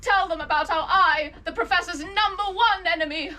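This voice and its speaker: A woman's voice: very high-pitched, normal speed. A woman playing a melodramatic dying garlic creature in a comic musical, gasping out grand farewells like a mortally wounded soldier. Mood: grandiose, dying. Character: melodramatic dying garlic creature, the professor's self-declared arch-enemy. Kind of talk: theatrical comic musical acting. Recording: distant mic, loud background noise.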